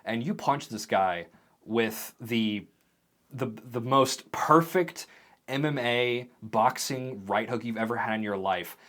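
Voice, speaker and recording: A man running a tabletop game as game master, narrating the scenes in a vivid, animated way. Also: mid-range voice, takes it slowly.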